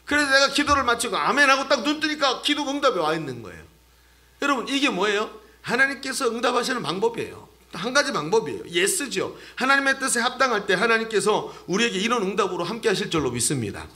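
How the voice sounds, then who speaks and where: A man's voice: high voice, bright, forceful tone. A male pastor preaching a sermon in a church, talking animatedly and addressing the congregation directly.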